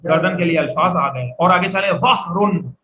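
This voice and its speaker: This Arabic vocabulary lesson features a high-voiced man speaking at normal speed. He runs word drills and has students repeat them during the classroom lecture, in an echoey room with slight background noise.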